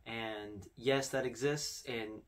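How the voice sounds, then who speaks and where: Speaking slowly in a mid-range voice with fairly even intonation, a young adult video host gives casual, informal commentary straight to camera. The setting is a small indoor room decorated with posters.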